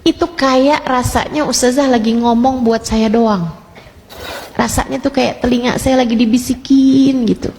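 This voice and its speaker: A woman's voice: fairly high pitch, steady tone, slight background noise, lightly acted. Woman voicing a tearful remorseful wife. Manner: slow, soft, tearful delivery. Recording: reverberant hall with music.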